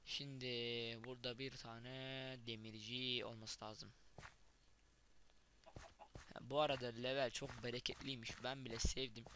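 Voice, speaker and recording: A young man giving casual, excitable commentary while playing a block-building game, thinking aloud and exclaiming at each thing he finds. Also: medium pitch, noisy background. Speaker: gaming YouTuber. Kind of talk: casual Minecraft let's play commentary.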